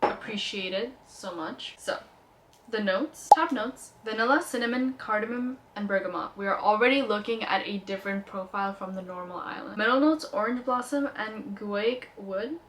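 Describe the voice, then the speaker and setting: Over a rough recording with slight background noise, a young woman with a light Indian accent enthusiastically reviews perfumes. Her mid-range voice keeps a normal pace as she chats playfully in this casual product vlog.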